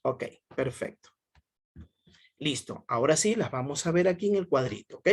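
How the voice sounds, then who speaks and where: A man's voice: on the high side, lively intonation, moderate pace. A male teacher giving a class over a video call, repeating himself often and quizzing his students. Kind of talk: online class lecture.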